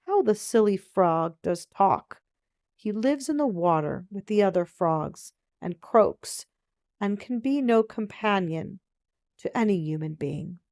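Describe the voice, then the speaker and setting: A woman plays a young fairy-tale princess, spoiled and fickle. She speaks slowly in careful, old-fashioned phrases, close and dry. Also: medium pitch, animated, darkish tone, dry recording. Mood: scornful. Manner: archaic, careful speech. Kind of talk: storybook read-aloud.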